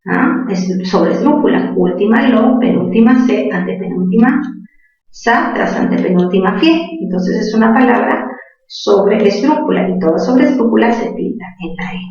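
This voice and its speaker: A woman's voice: mid-range voice, expressive, moderate pace, darkish tone. A woman teaching a spelling lesson to students, patiently asking questions and answering them herself. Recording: distant echoey classroom, dull sound.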